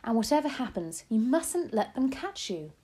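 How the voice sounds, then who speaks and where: Lady doing a caring old granny, emphatic and fussing, pitch jumps around. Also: big pitch swings, moderate pace, dark tone, slightly rough. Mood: urgent, caring. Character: elderly grandmother, loving and resourceful.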